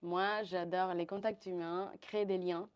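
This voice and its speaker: A woman's voice: on the low side, fairly even intonation, measured pace, smooth, dull audio. A woman in her twenties from Venezuela, answering interview questions with many fillers and restarts. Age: 20s. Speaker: partnership manager, guest.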